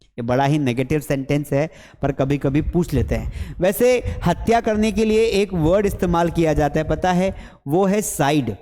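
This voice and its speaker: A man's voice: a little high, moderate pace, warm tone. A man teaching English vocabulary for exam prep, asking the class questions and repeating each answer. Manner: repeats each word with quiz questions to students. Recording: long hall-like reverb.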